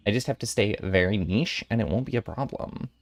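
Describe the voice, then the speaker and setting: A man's voice: on the low side, brisk, dry recording, faint music behind. A young man in his twenties chatting casually with viewers on a stream, rambling and playful with giggly asides. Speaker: VTuber streamer.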